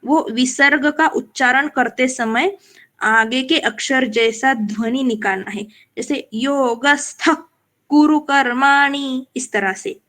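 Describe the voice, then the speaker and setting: High-voiced woman teaching slow recitation. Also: pushed and bright. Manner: patient, explanatory, checks understanding, chants verses slowly. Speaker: Sanskrit teacher. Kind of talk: live online class, teaching verse recitation.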